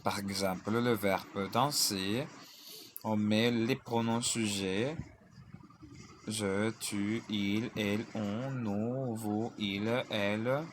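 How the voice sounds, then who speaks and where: Guy teaching grammar super slowly, reads out verb lists one by one, spells letters out. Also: fairly low pitch, fairly even intonation, slight background noise. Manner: deliberate, spells out endings letter by letter; drills conjugations in lists. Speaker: language teacher. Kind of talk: French grammar lesson.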